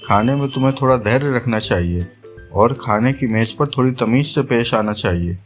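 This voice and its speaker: A man's voice: mid-range voice, normal speed, faint music behind, natural voice. A man reading out the lines of a male joke character, a chatty everyday friend delivering dry punchlines in a read-aloud comedy. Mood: deadpan. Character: Santa, joking everyman friend, adult man.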